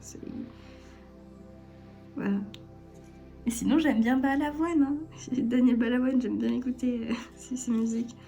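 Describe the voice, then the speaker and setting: A woman's voice: on the high side, steady tone, unhurried, creaky, long pauses. A young woman chatting casually to camera at home as a vlogger, giggly and self-deprecating. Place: at home, at a table. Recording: faint music underneath. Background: soft background music.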